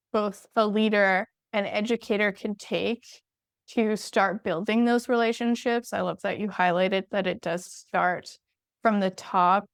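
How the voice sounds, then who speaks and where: A woman hosting a podcast interview, speaking in a measured, appreciative and reflective way. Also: mid-range voice, vocal fry, clear, resonant tone, no room sound, studio quality. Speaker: podcast host.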